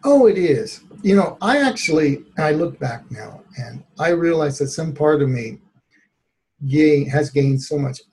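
A man, a therapist by trade, tells a personal story as a guest in an interview. His voice sits a bit high with a gravelly fry running through it, and he keeps the telling lively with frequent laughs. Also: unhurried. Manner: animated, laughs often while telling stories.

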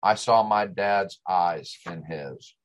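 A man's voice: low-pitched, takes it slowly. A man with a West Texas drawl and twang, telling a scripted first-person story as a dramatic monologue. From West Texas, United States.

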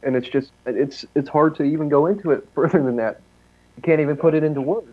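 A man's voice: on the high side, fast talker, narrow, tinny audio. A man co-hosting a live talk show, ranting in a rambling, profane, intense way. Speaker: podcast co-host.

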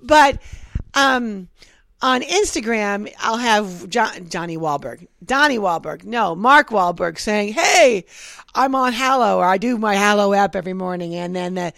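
A woman's voice: mid-range voice, unhurried, vocal fry, a bit bright, no room sound. A woman chatting casually on a podcast, rambling with restarts and laughs. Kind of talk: casual chat.

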